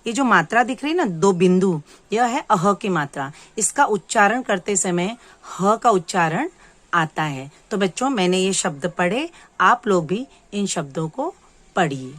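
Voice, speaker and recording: A woman teaching young children, reading words aloud slowly for them to repeat and explaining each one patiently. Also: mid-range voice, lively intonation, no echo. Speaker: primary school teacher. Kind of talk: slow, clear classroom lesson for young children.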